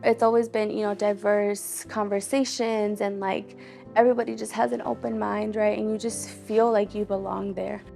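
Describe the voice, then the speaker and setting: Gravelly-voiced young woman student, earnest. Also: medium pitch, level tone, moderate pace, mellow, soft background music. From Mexico. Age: young adult. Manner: casual, lots of "like" fillers, earnest. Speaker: college student. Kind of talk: personal testimony.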